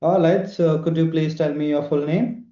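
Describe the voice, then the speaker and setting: Dark-voiced man asking exam questions. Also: a little high, steady tone, normal speed. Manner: brief, formal questions. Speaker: examiner. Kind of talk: interview questions. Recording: roomy, dull lo-fi sound.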